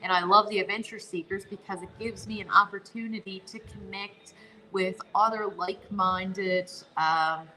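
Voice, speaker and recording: A woman's voice: mid-range voice, fairly even intonation, normal speed, pushed and bright, low-quality recording. A woman from Newfoundland with a Newfoundland accent, chatting casually and enthusiastically as a guest co-host. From Newfoundland, Canada. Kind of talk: casual chat.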